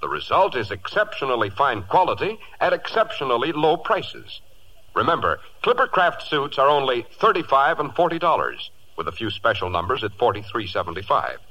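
A man's voice: mid-range voice, big pitch swings, moderate pace, pushed and bright, rough recording. A man with an American accent delivering a polished, emphatic 1940s radio commercial as announcer. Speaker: announcer, sponsor pitchman.

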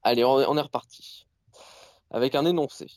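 Playful quiz master, dry sound. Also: male voice, mid-range voice, fairly quick, a little mellow, no room sound. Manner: playful, announcing. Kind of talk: reading quiz riddles.

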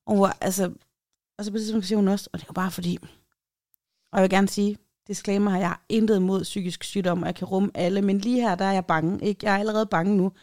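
A woman's voice: mid-range voice, no room sound. Woman, podcast co-host, casual storytelling, acts out quotes, dry close sound. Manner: animated, acts out quotes in changed voices.

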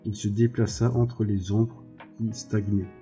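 A man reads a novel in calm, even narration. His voice is dark and low with little rise and fall. The audio is a bit dull, with faint music underneath. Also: measured pace. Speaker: audiobook reader. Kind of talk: scripted narration.

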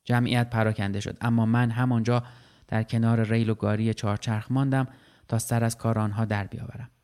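Man calmly reading a literary story. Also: medium pitch, clean tone. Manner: measured, steady literary reading. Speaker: narrator. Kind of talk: scripted narration of a short story.

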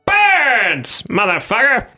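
A rasping, croaking undead lich king, put on by a man reading a story aloud. He speaks slowly and grandly in a voice pushed well above the reader's own, full of theatrical menace. Faint music sits behind him. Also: extremely high pitch, wildly swooping pitch, pushed and bright, voice pushed up, exaggerated voice. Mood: menacing grandeur. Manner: grand, drawn-out declarations. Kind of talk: audiobook reading with character voices.

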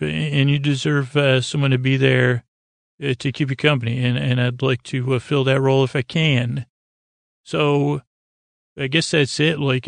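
Meant to help people drift off, this sleep podcast features a host with a creaky, medium-pitched voice who wanders haltingly from thought to thought. Gently goofy, he repeats himself and slides into wordplay before trailing off, all in a dry, studio-quality recording.

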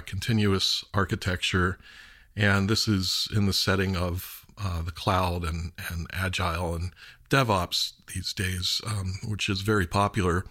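A man hosting a podcast interview, introducing his guest in a halting way with many fillers. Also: sits low, a bit bright. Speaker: podcast host.

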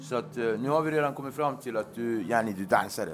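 A man interviewing a guest in casual chat, lively, slangy and quick to laugh. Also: mid-range voice.

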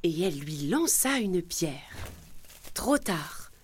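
A woman narrating a children's story in an expressive, lively reading. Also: fairly low pitch, slow pace, breathy edge. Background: faint music.

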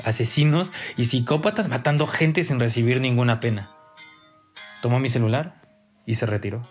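A man tells a grim first-person horror tale. His delivery is tense and dramatic, climbing higher at the sharp turns. Faint music plays quietly under his voice. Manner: tense, dramatic, rises in pitch at key moments. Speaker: narrator.

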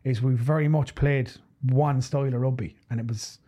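A man's voice: medium pitch, fairly even intonation, normal speed, dark tone. An Irish man giving opinionated, emphatic views as a guest pundit in a studio sports chat.

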